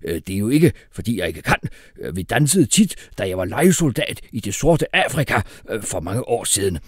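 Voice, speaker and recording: A man voicing an odd old former mercenary who speaks slowly and stiffly. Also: on the low side, very animated, husky, no room sound. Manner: slow, drawn-out speech.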